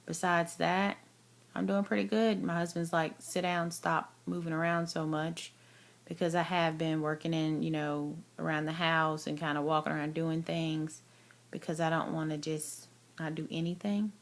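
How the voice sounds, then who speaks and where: A woman's voice: low voice, little pitch movement, moderate pace. A woman gives a casual, chatty personal update, speaking candidly and with emphasis, as if to friends. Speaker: vlogger giving a health update. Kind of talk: casual chat to camera.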